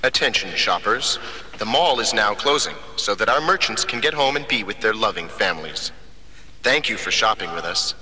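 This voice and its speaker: An actor playing a male mall announcer, speaking in a calm, formal way over the mall intercom. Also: fairly low pitch, normal speed. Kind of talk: formal public address. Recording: distant loudspeaker with crowd noise.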